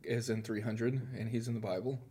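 A man co-hosting a church podcast, answering quiz questions with quick, upbeat guesses in casual chat. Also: mid-range voice, level tone, crowd noise.

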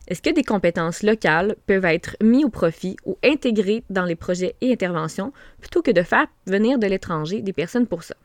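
A woman's voice: medium pitch, expressive, brisk, hardly any pauses, no room sound, studio quality. Québécois woman hosting a podcast. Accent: Québécois French. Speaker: podcast host. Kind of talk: scripted podcast introduction.

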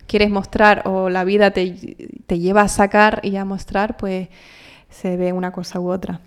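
A woman's voice: medium pitch, level tone, moderate pace, clear, resonant tone. A young adult woman from the Canary Islands, an actress being interviewed, talking expressively and thoughtfully with frequent restarts. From Canary Islands, Spain. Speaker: actress, guest. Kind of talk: casual interview chat.

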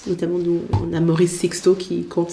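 A woman's voice: lowish voice, completely flat delivery, moderate pace, roomy sound, noisy background. A woman chatting casually and enthusiastically, stumbling and restarting often. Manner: enthusiastic, frequent restarts and stammers. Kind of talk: casual chat.

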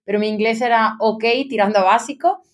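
A woman's voice: medium pitch, fairly even intonation, brisk. A woman in her thirties from Spain speaks as an interview guest in a mid-range voice. She chats freely and slips English business terms into her sentences. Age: 30s. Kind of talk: conversational interview. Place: London.

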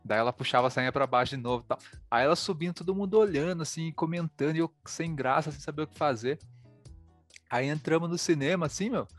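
A man with a Brazilian Portuguese accent, hosting a podcast and telling a story in casual chat, animated and quick, full of fillers. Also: fairly high pitch, soft background music. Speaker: podcast host.

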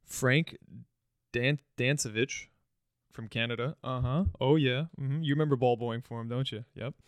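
A man's voice: mid-range voice, moderate pace, dry recording, studio quality. A young man co-hosting a podcast, chatting casually in a laid-back, joking way with many "um"s. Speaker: podcast co-host.

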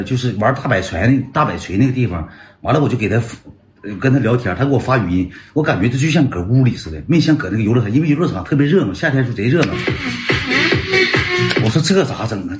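A man with a Northeastern Mandarin accent spins a comic tale from his own life at a quick clip. He rambles, repeats lines and keeps calling out to his listeners as brothers, and his voice swings widely up and down. Faint music plays underneath. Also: mid-range voice, a little mellow. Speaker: livestreamer telling a personal story. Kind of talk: casual comic storytelling.

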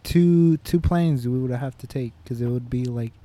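A laid-back young man co-hosting a podcast. His voice has a mellow, warm tone at a middle pitch. He jokes easily and talks in an unhurried, relaxed way. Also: dry recording. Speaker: podcast co-host. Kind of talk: casual chat.

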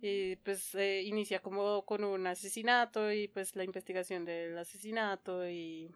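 A woman's voice: mid-range voice, fairly even intonation, moderate pace, clean tone, no echo. A young woman, chatting casually as a podcast co-host in a playful, giggly manner. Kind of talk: casual chat about anime.

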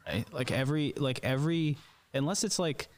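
A man's voice: on the high side, moderate pace, dry recording. A man co-hosting a podcast, chatting casually about films with frequent restarts. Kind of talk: casual chat.

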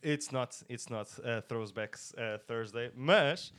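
A man's voice: mid-range voice, slow, a bit bright. A young man from Portugal with a European Portuguese accent, telling a story in a casual podcast chat and stretching out his words. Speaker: podcast co-host.

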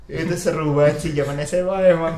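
Young man, animated storyteller with a high voice, recorded in a roomy space. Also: fast talker. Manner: animated storyteller, laughs and swears often. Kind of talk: casual chat. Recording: roomy echo.

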